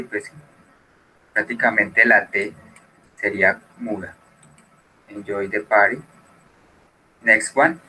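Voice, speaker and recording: This is a man teaching an English lesson with a bright, forceful voice pitched a little low. He talks slowly and patiently, switching between Spanish and English as he walks a class through the exercises. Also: slight background noise, rough recording. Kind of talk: online class explanation.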